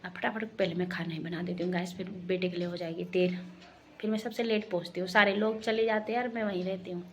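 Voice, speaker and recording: A young woman from Garhwal, chatting fast and cheerfully to her viewers in a casual home vlog. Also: lowish voice, level tone, slight background noise. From Garhwal, Uttarakhand. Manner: fast-talking, chatty, addresses viewers as guys. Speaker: vlogger.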